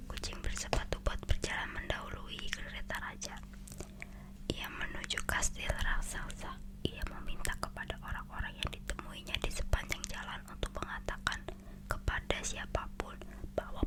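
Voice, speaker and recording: An ASMR storyteller with an Indonesian accent reads fairy tales from the page. The voice stays in an unvoiced whisper throughout. The reading is a little halting, with words sometimes restarted and corrected.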